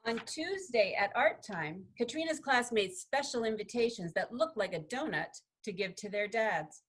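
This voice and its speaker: A woman student reading a children's picture book aloud in an expressive, gently paced storytelling manner. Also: a little high, normal speed, husky. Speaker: student presenter.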